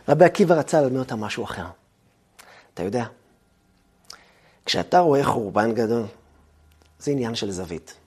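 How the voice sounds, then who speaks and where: A man giving a lively lecture, telling the story with animation and dropping to a hush at times. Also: mid-range voice, breathy edge. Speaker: Torah lecturer.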